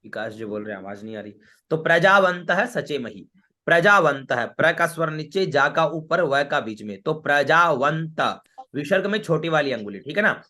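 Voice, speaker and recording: A man teaching a Vedic chanting class online, chanting verses slowly and then patiently explaining each syllable's pitch, with frequent check-ins. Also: animated, pushed and bright. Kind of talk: online class, recitation lesson.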